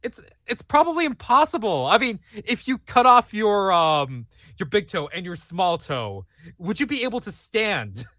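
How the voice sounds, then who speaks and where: A man co-hosting a podcast in casual, playful chat, quick to laugh. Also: sits high, very animated, sharp tone, no room sound, studio quality. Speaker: podcast co-host.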